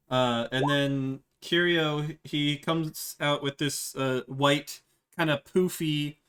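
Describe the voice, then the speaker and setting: A man narrating a tabletop game as game master, halting with many fillers and restarts. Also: fairly high pitch, steady tone, fairly bright tone, clear, resonant tone.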